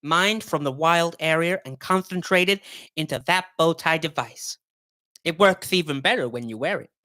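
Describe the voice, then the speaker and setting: A man voicing a calm, earnest girl of about fourteen with an exaggerated lisp, gently persuasive, read aloud as part of a game epilogue. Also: fairly high pitch, moderate pace, dry recording, pitched above the performer's own voice.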